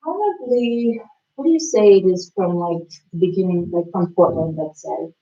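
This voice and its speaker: A woman's voice: lowish voice, normal speed, mellow. Lady chatting away mid workout, lots of um's, far off the mic in an echoey room. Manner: chatty, rambling, many fillers. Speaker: workout co-host. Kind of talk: casual chat during a workout. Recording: roomy, off-mic and dull.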